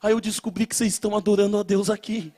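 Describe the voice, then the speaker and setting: A young man preaching, telling a testimony and rising into loud shouted prayer. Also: sits high, flat delivery, very fast. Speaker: pastor. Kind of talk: sermon.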